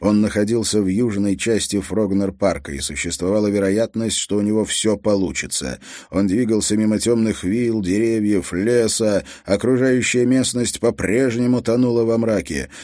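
A man reading a crime thriller audiobook as narrator, in a steady, even delivery. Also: lowish voice, moderate pace, no room sound, studio quality. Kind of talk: scripted narration.

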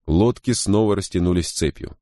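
A man reading a first-person story as an audiobook narrator, in a steady, grave way. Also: low voice, moderate pace, dry recording, clean studio sound.

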